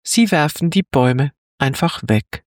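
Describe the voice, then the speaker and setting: A narrator voicing a small male fox in a storybook reading, calm and slightly mocking. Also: medium pitch, unhurried, no room sound, studio quality, natural voice. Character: wise little male fox, a bit mocking.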